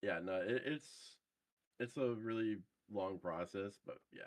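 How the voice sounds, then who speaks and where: A young man chatting casually over group voice chat while gaming, hesitant and halting with lots of fillers. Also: lowish voice, no echo. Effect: heard over group voice chat.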